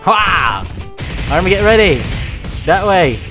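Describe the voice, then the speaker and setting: A young man chatting casually while playing a game, excitable, often yelping and laughing. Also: high voice, slow. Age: young adult. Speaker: gamer. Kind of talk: casual gaming chat. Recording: music playing underneath.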